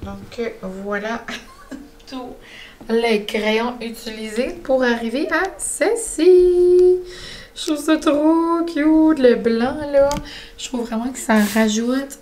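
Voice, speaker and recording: A woman with a Quebec French accent chatting casually at home for her vlog, excitable and dropping English words into her talk. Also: sits high, slow pace, slight background noise, rough recording. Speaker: vlogger. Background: background music.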